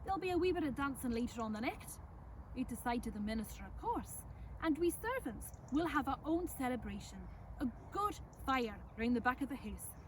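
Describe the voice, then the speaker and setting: A woman's voice: sits high, sing-song, a little fast, far from the mic, slight background noise, poor audio. A woman playing a chatty, folksy servant of centuries past, telling visitors a tale in an Ulster Scots accent. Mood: fond, excited. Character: chatty, welcoming servant woman of a 17th-century Irish estate. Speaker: costumed storyteller. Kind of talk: in-character historical storytelling to visitors. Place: outdoors in front of a house.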